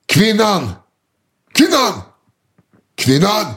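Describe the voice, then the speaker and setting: A man's voice: medium pitch, lightly acted. A man voicing a lone drunk man in a pub who blurts one nonsense word over and over. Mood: shouting. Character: lone drunk middle-aged man in a pub, leering, shouting.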